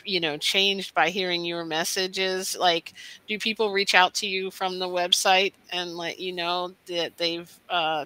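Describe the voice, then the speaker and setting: Woman interview host, chatty and encouraging, bright, even-toned, dry sound. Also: fairly low pitch. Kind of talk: casual interview talk.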